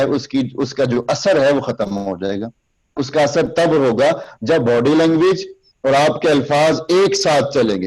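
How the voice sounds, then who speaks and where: A man's voice: mid-range voice, darkish tone, low-quality recording. A man lecturing a class on public speaking, explaining step by step how to use hand gestures and speaking straight to his students. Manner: recites sample lines in a raised, slow, emphatic voice.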